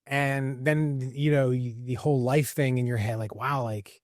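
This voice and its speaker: The audio is clean studio sound with no echo. He's a man in his forties from Central Pennsylvania, by accent, a wrestling coach and teacher reflecting as a guest in a conversational podcast interview, full of fillers and repeated words, speaking in a mid-range voice with fairly even intonation at a moderate pace.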